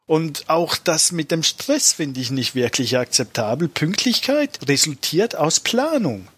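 A man hosting a comedic panel show, questioning the guest in a brisk, mock-strict way. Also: on the high side, big pitch swings, fairly bright tone, slightly rough. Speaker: host.

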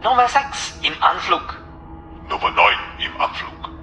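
A man's voice: a little high, wildly swooping pitch, unhurried, pushed and bright, echoey room, faint music behind, voice pushed up, exaggerated voice. A man reading the lines of a male military commander and his pilots, heard over a radio in clipped military talk.

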